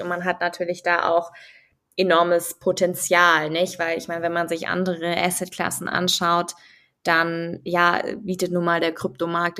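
A woman's voice: on the low side, a bit bright. A young woman speaking as an interview guest on finance, explaining thoughtfully with many fillers and restarts. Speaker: guest, finance and crypto expert. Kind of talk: conversational podcast interview.

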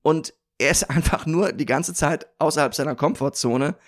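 A man's voice: on the high side, moderate pace. A man co-hosting a casual podcast chat about TV series, often restarting sentences and laughing as he tells stories. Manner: hesitant restarts, laughs while telling stories. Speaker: podcast co-host.

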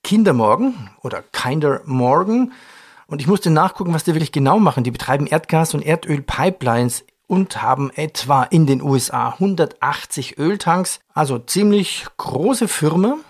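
A man's voice: a little high, animated, normal speed, hardly any pauses. A man hosting a finance interview, asking questions in a conversational, joking way. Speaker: interviewer, show host.

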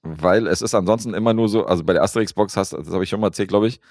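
A man co-hosting a podcast, reviewing a film in a relaxed, rambling way with lots of fillers. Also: on the low side, racing, no room sound, clean studio sound. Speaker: podcast co-host reviewing films. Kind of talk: casual chat.

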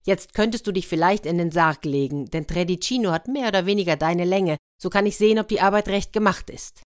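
A woman voicing a cunning young male trickster who talks in a lively, scheming way. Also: fairly low pitch, fairly quick, no echo, studio quality, lightly acted. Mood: sly.

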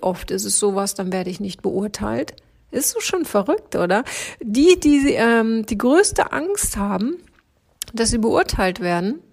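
Gravelly-voiced woman giving motivational advice. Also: mid-range voice. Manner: direct, encouraging, addresses listeners as du. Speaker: podcast host, coach. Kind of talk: motivational podcast talk.

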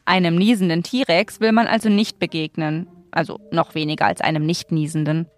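A woman with a low-pitched voice speaks fairly quickly and with fairly even intonation, hosting a children's show. She addresses young listeners directly, offering simple scripted explanations and questions along with playful exclamations.

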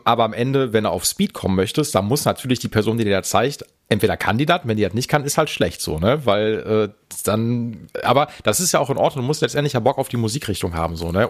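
Rambling, slangy male podcast host. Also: lowish voice. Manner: rambling, many fillers and restarts; slangy, colloquial. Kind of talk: casual conversation.

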